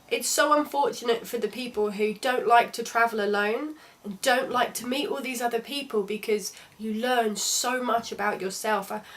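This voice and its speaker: Chatty young woman. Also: fairly high pitch. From London. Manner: chatty and candid, with frequent restarts. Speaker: travel vlogger. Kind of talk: casual travel vlog narration.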